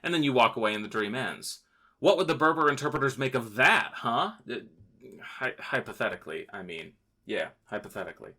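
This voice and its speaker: Lively, bright-voiced man telling history jokes. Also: medium pitch. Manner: jokey, playful, theatrical asides. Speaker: podcast host. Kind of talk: scripted comedic history narration.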